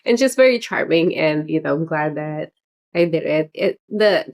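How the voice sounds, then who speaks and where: A middle-aged woman of Filipino heritage hosts a casual livestream as a political candidate, chatting and rambling with plenty of fillers and little laughs. Her low, darkish voice has vocal fry and lively intonation at a normal speed.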